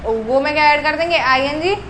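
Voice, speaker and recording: A woman's voice: high voice, moderate pace, a bit bright, slight background noise, low-quality recording. A woman teaching an English grammar lesson. She asks questions and answers them herself, and corrects her own slips as she goes. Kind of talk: classroom-style grammar lesson.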